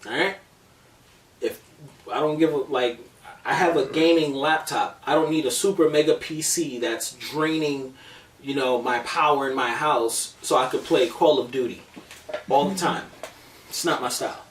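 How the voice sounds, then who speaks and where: A man in his thirties hosting a casual gaming podcast, talking in a profane, joking, animated way. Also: medium pitch, normal speed. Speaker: podcast host. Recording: roomy distant mic with faint noise.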